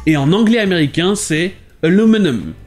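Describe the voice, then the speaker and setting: Man, vocabulary teacher, lively intonation, clear explanations, quiet music underneath. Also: high-pitched, normal speed. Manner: clear, didactic delivery, switching between languages. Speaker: language teacher. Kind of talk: short explainer lesson.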